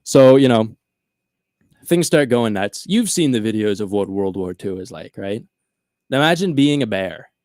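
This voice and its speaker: A man hosting a podcast, telling a story in casual chat, animated and full of "uh" and "like". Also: fairly low pitch, moderate pace, dry recording, studio quality. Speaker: podcast host.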